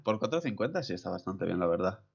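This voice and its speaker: A man's voice: deep voice, big pitch swings, quick pace, vocal fry, husky. A man, chatting casually as the host's friend, laid-back with brief dry remarks. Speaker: co-host friend. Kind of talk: casual chat. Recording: dull lo-fi recording.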